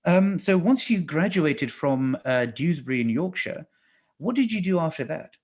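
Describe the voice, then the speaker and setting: Male host in his thirties, fairly high voice, friendly questioner on a headset. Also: animated, moderate pace, husky. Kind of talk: video call interview. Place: small indoor room. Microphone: headset on video call.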